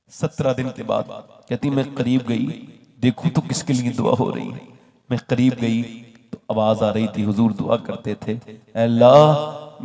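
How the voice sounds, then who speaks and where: A man preaching an impassioned sermon, dropping to hushed tones and then rising to shouts. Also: mid-range voice. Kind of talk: religious sermon.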